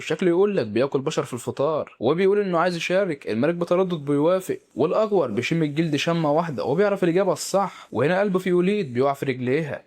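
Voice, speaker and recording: Brief: fast, slightly high-voiced Egyptian man; jokey, sarcastic film recap narrator. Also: a little mellow. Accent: Egyptian Arabic. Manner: sarcastic jokey asides, addresses listener as friend. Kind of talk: comedic film recap voice-over.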